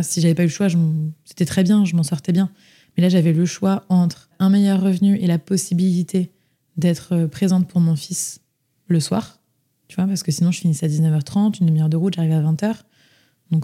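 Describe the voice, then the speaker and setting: A woman's voice: on the low side, warm tone. A young woman from France telling her personal story as an interview guest, chatty, with many fillers and restarts. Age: young adult.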